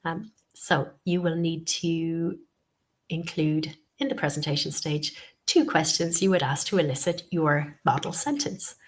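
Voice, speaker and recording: Her voice sitting low and a little slow, a woman tutor teaches a TEFL course webinar while sniffling from a cold. Patient throughout, she goes over key points more than once and frequently uses "okay" and "um".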